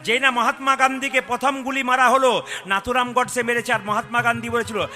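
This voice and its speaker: A man preaching at a devotional kirtan gathering, dramatic, swinging between loud cries and hushed storytelling. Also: extremely high pitch, flat delivery, brisk. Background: music.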